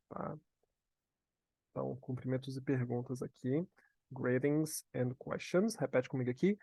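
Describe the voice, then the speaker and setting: A man with a Brazilian Portuguese accent teaching a live online English lesson. He slows down to model phrases for students to repeat and checks in often with "tá?". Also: mid-range voice, a little mellow, no room sound. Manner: frequent "tá?" check-ins.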